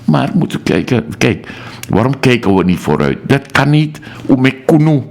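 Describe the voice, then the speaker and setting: A man's voice: medium pitch, sing-song, normal speed, gravelly, a little mellow. A man with a Surinamese Dutch accent hosting a political call-in radio talk show, emphatic and reading out listener messages.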